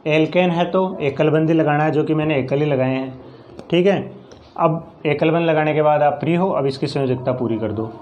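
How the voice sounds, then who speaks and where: Higher-voiced male teacher explaining step by step. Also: moderate pace, a little mellow, muffled recording, slight background noise. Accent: Rajasthani Hindi. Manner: explains step by step, counts aloud, asks and answers himself. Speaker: science teacher. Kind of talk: classroom chemistry lesson.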